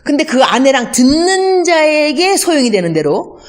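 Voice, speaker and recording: A woman missionary with a voice that sits high gives a conversational teaching talk at a moderate pace. She acts out everyday dialogues in lively voices and mixes in English words.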